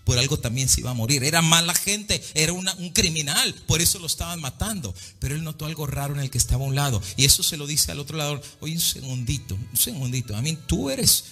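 A man preaching a dramatic sermon, swinging between loud and hushed, slipping into English now and then. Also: a little high, fast, few pauses, soft background music.

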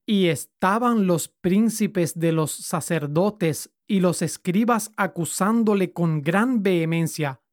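Woman reading scripture, slightly low voice, dry close sound, measured and formal. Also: darkish tone, no room sound. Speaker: scripture reader.

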